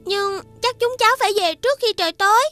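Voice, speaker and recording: A woman voicing a kind, caring little girl princess in an animated fairy tale. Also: very high-pitched, fast, soft background music. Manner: bright, caring, childlike speech. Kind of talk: cartoon dub acting.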